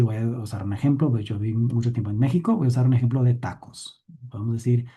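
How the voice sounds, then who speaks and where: A man teaching Greek grammar in a recorded lesson. He explains step by step, thinks aloud with fillers and corrections, and often checks in with a quick question. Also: mid-range voice, warm tone.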